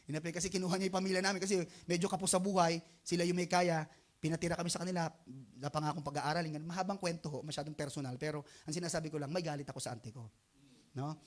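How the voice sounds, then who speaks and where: A middle-aged Filipino man preaching a sermon in a conversational way, often calling out for an amen from the congregation. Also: fairly high pitch. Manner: conversational preaching, mixing Tagalog and English, asking the congregation for amens. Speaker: pastor.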